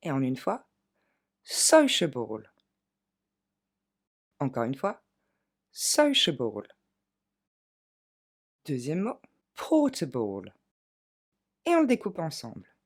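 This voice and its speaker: Lady teacher, very animated up and down voice, says words slow so you repeat them. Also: low voice. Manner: lively, drills words slowly for learners to repeat. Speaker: English teacher. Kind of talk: pronunciation lesson.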